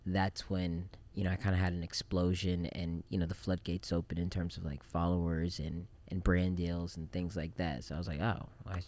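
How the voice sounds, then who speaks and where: Male podcast guest, thirties, low voice, relaxed and reflective. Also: moderate pace, hardly any pauses. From Japan. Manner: relaxed, reflective, many fillers. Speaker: podcast guest, film director. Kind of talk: casual interview chat. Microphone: studio mic on boom arm.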